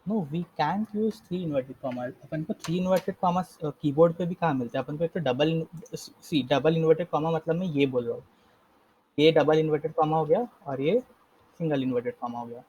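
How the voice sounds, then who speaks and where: A man's voice: a little high, moderate pace, a little mellow, lo-fi sound, a little hiss or hum. A young man casually teaching a live coding lesson, explaining step by step and often correcting himself. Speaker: coding instructor.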